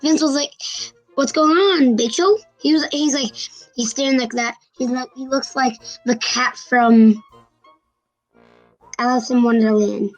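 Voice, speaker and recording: A child with a congested, stuffy-nosed voice, chatting casually and retelling stories in a halting, repetitive way with restarts. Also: medium pitch, steady tone, faint music behind, poor audio. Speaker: co-host recapping episodes.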